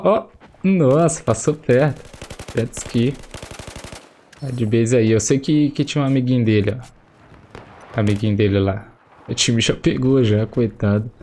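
His voice warm and mid-range, a young Brazilian-accented gameplay streamer chats through a headset in slangy style, exclaiming at the action. A lingering cold slightly affects how he sounds, and a little hiss or hum accompanies faint gunfire and explosions from the game.

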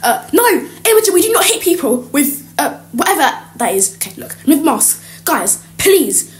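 A woman's voice: sits high, big pitch swings, normal speed. A woman voicing a flustered teacher who pleads with an unruly class and stammers. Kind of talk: toy-game roleplay voiceover.

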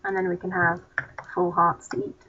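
A woman's voice: lowish voice, monotone, normal speed, pushed and bright, a little hiss or hum. A young woman hosting a co-op game video, chatting in a rambling, giggly, self-mocking way. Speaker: let's play host. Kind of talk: casual co-op gaming chat. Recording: dull lo-fi mic.

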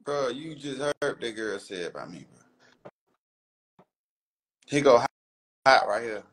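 Bossy man, bright and lively. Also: medium pitch, measured pace, a little hiss or hum. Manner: bossy, demanding. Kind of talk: rowdy live-stream banter.

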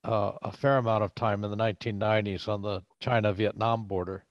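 A man's voice: on the low side, steady tone, brisk, dry recording. A professor asking a question at an online talk, speaking hesitantly with many fillers while his voice breaks up over a bad connection. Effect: voice breaking up over a bad internet connection. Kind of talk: conversational question from the audience. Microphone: video call. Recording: dull, lo-fi, dry video call audio.

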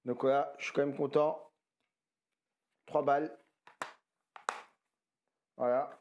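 A man's voice: mid-range voice, little pitch movement, slow, a little mellow, lo-fi sound. Tired, rambling French-speaking man. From France. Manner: rambling, self-correcting, slangy. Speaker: retro game collector vlogger. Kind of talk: casual haul commentary.

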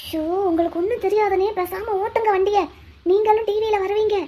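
A very high, piping voice belongs to a young village woman in a cartoon. She is wary and quick-witted, muttering her plans to herself and then sweetly coaxing the people around her. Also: steady tone, dark tone. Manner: talks to herself, pleading and coaxing. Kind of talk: cartoon voice acting, inner monologue and dialogue.

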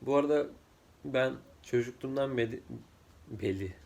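A drowsy man chatting casually in a rambling vlog, his voice rough from just waking up, with slightly muddled L and R sounds. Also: medium pitch, moderate pace, a little mellow. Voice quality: trouble pronouncing L and R sounds. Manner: sleepy, rambling, jumps between topics. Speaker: vlogger.

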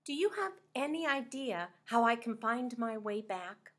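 A woman's voice: a little high, lively intonation, a little slow, a bit bright. A woman voicing a small, lost young male fish who speaks politely and earnestly.

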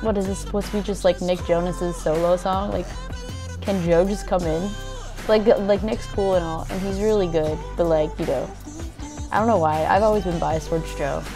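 A woman's voice: on the low side, fairly even intonation, normal speed, music in the background. Hungover young woman, tired casual chat. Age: 20s. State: hungover, exhausted, with a headache. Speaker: reaction video host. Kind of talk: casual chat reacting to a music video. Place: small indoor room at home.

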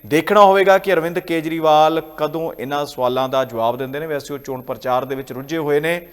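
A man presenting news commentary as an anchor, in a measured, explanatory way. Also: on the high side, smooth, long reverb tail.

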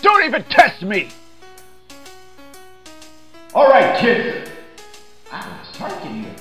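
Garbled, squawking cartoon duck, quick to rage, wild pitch swings, unhurried delivery. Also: male voice, wildly swooping pitch, faint music behind, full character voice. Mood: angry. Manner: shouts and sobs in sudden outbursts. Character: hot-tempered male cartoon duck, squawking, easily flustered. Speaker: truant officer. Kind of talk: fan-made cartoon voice dub.

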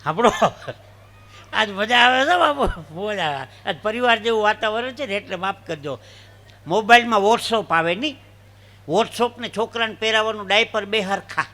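A man's voice: high voice, normal speed. A man telling jokes and folk stories on stage, acting out the voices of the people in them. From Gujarat, India. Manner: animated joke telling with acted dialogue voices. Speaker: stand-up comedian. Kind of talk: live folk comedy storytelling.

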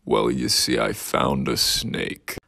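A deadpan little boy with an absurdly low, crackling bass. He is solemn and gravelly, made for a comedy skit. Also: slow pace, exaggerated voice. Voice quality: very deep, gravelly. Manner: switching impression voices. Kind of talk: comedy sketch impression.

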